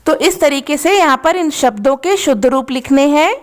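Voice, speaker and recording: A woman teaching from a worksheet in a patient, slow way, spelling out words letter by letter. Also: high-pitched. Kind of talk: worksheet lesson.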